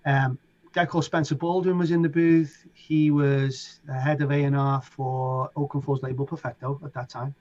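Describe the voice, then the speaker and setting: A man's voice: mid-range voice, moderate pace. A middle-aged man with a Liverpool accent, a DJ and producer telling stories in a casual interview and acting out other people's lines. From England. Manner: animated, acts out other people's lines in raised voices. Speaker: DJ and producer guest. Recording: dull lo-fi sound.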